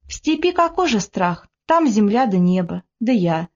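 A woman reading the part of a quiet, plain-spoken young peasant husband in a storybook. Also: normal speed. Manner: low, dull and flat when bored.

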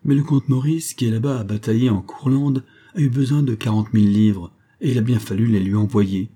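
A man's voice: mid-range voice, a little fast, breathy edge, lightly acted. A man voicing a spirited, teasing young stage actress in a read-aloud historical story, raised well above his own voice. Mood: playful. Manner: bright, teasing, pleading. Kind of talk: audiobook reading.

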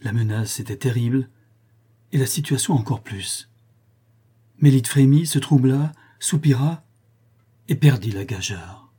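A man narrating an audiobook of a classic tale in a measured, literary way. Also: medium pitch, warm tone, husky.

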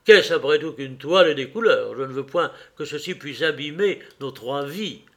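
Man reading as an earnest painter dude, worried, gravelly voice. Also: on the high side, lively intonation, moderate pace, a bit bright. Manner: earnest, urgent. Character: devoted earnest male painter, anxious friend.

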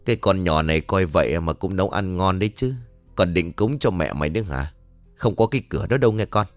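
A man's voice: expressive, a little fast, dry recording, faint music behind. A man voicing a cruel, abusive pregnant stepmother who scolds harshly. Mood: smug. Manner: harsh scolding, shrill shouting.

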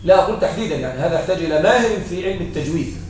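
A man teaches a grammar class in a high voice, explaining each point patiently and repeating it. He keeps checking that a student is following. His voice reaches the mic from across a strongly echoing room. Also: lively intonation, very fast, darkish tone, slight background noise. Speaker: Arabic morphology teacher. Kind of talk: classroom lesson. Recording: very echoey room, voice heard from far off.

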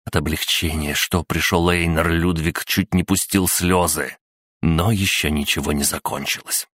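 A man reading a grim fantasy audiobook in a measured, scripted narration. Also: sits low, steady tone, a bit bright, dry recording, clean studio sound.

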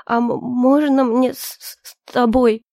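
A woman's voice: on the high side, fairly even intonation, measured pace, creaky, dark tone, dry recording, clean studio sound. A woman voicing a frightened, childlike young woman who stutters and pleads through tears, as read in an audiobook. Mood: stuttering.

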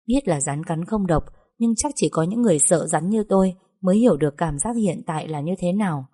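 A young woman narrating a story in the first person, lively and chatty. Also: on the low side.

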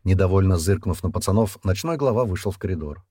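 A man narrating a fantasy novel as an audiobook in a steady, low-key way. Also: fast talker, slight background noise. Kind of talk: scripted fiction narration.

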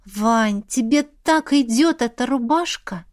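A woman voicing a spirited young heroine, the eldest sister, in an audiobook, with a lively, warm manner. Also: a little high, takes it slowly. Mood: playful.

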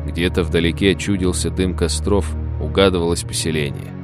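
A man reading a story as an audiobook narrator, in an even, measured way. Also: low voice, over music. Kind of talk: scripted narration.

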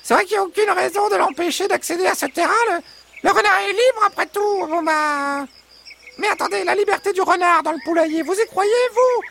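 A woman's voice: very high voice, a little fast, gravelly, fairly bright tone, a little hiss or hum, full character voice. A woman voicing three fussy, flustered farmyard hens in a children's audio story, hesitating and stammering as they talk. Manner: hesitant, full of "bah" and "euh".

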